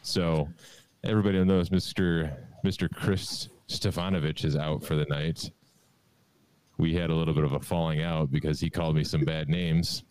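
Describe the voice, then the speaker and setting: Brief: host, man, very low voice, loose joking banter. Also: fairly even intonation, moderate pace, darkish tone, clean tone, dry recording, poor audio. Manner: joking, teasing. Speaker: podcast host. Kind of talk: casual podcast banter.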